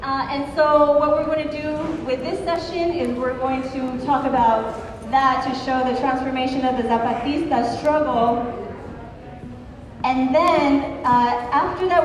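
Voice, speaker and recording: A woman's voice: sits high, slight background noise. A woman organizer opening a workshop, speaking earnestly to an audience in a large room. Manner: earnest, thanking, often restarting phrases. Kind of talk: introducing a workshop. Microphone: handheld microphone. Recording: echoey hall, far from mic.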